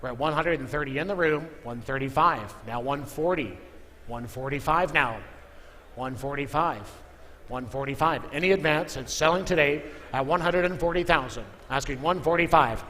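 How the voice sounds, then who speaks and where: A man auctioneer calls live bids in a large indoor auction room, his chant cycling through figures as he asks for offers. His highish voice is pushed and bright, at normal speed, and the recording is echoey with clear background noise.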